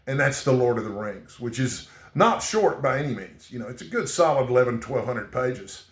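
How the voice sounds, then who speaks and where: A booktuber with a slight Texan accent rambles casually to camera, often stopping to restart and tacking "okay?" onto his sentences. His medium-pitched voice has lively intonation and sounds reverberant.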